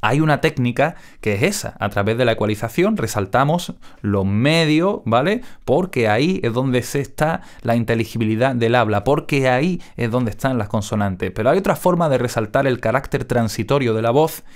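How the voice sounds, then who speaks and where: A man teaching audio mixing in a casual spoken tutorial, with crisp careful diction and frequent check-ins with the listener. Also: mid-range voice, animated, moderate pace, hardly any pauses.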